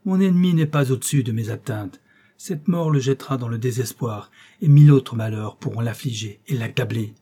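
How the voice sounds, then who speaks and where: A man voicing a lonely, vengeful male creature in a storybook reading, with a grave, measured delivery. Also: mid-range voice, warm tone, slightly rough.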